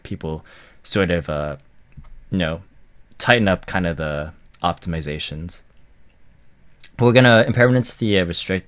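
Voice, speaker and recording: A man with a stuffy voice from a cold, casually commenting on a card game match and rambling with many ums and likes. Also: low voice. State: stuffy, recovering from a cough.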